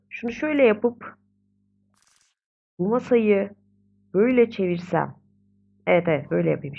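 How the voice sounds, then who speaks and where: A young woman talks her way through a life-simulation game in a casual, chatty voice. She is often exasperated and coos at the babies. Her mid-pitched voice comes through a slightly dull, lo-fi home mic. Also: gravelly, husky. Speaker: gaming video host. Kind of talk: casual gameplay commentary.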